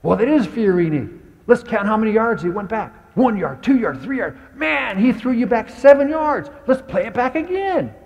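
A man voicing a loud, teasing male high-school football coach who calls players out. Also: lively intonation, moderate pace, in a large hall, muffled recording. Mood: booming. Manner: booming, teasing, high and shouted.

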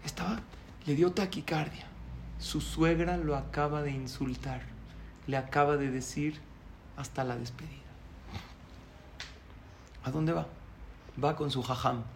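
A male rabbi, telling a story in a sermon, animated and chuckling, asking the audience questions. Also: on the high side, unhurried, vocal fry, a little hiss or hum.

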